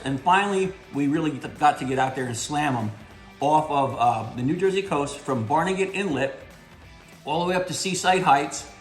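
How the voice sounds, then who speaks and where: A man's voice: fairly high pitch, a bit bright, echoey room. Enthusiastic man hosting a fishing vlog. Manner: enthusiastic, savoring, folksy. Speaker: host. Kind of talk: casual cooking and tasting vlog.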